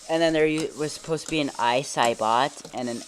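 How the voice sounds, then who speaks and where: Holding the camera themselves, a toy reviewer gives a casual demonstration in a carpeted home living room, their medium-pitched voice halting, informal and often trailing off. The home video is noisy with mechanical clicking as a robot toy's motor whirs and clicks behind them.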